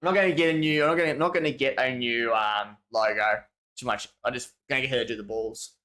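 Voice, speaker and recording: A man's voice: mid-range voice, fairly even intonation, quick pace, pushed and bright. An Australian man hosting a livestream, chatting casually in a rambling, slangy way as he reads out viewer messages. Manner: rambling, slangy, restarts often. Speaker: livestream host.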